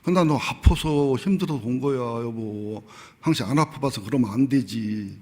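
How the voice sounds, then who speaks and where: Husky middle-aged male pastor preaching. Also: medium pitch, expressive, normal speed, darkish tone. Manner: candid, humorous storytelling with acted quotes. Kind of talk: sermon.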